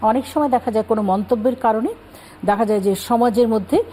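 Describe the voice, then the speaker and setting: Woman guest scholar, calm explanatory delivery, relaxed tone, light background hiss. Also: on the high side, fast talker, poor audio. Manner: calm explanatory, cites scripture. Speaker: religious guest speaker. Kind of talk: Islamic talk show explanation.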